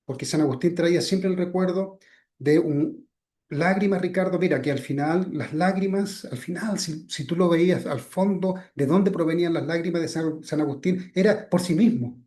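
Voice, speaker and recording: A man giving a spiritual teaching talk. He keeps addressing his listener by name, often lets his voice sink softly at the ends of phrases, and checks in with short questions. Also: fairly high pitch, normal speed. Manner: asks frequent checking questions.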